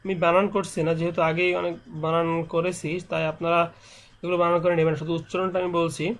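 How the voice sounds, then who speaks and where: A man's voice: fairly high pitch, little pitch movement, quick pace. A man teaching Quran recitation rules step by step. He patiently repeats each letter and draws out the nasal sounds to demonstrate them.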